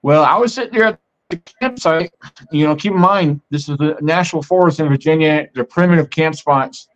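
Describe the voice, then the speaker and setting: A man's voice: a little high, fairly quick. A man hosting a podcast, telling a story in a casual, meandering, conversational way. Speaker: podcast host. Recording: muffled lo-fi audio.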